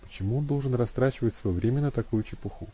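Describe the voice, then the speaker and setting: A man reading a novel aloud as narrator, in steady, even storytelling. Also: medium pitch, fast talker, husky, muffled recording. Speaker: audiobook narrator. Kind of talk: scripted narration.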